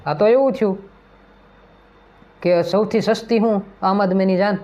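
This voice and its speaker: A man speaks in a high, strained register as he delivers a fiery political speech. He hammers his points with rhetorical questions and accusations. The recording sounds dull and lo-fi. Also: unhurried, a little mellow. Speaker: political commentator. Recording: dull lo-fi audio.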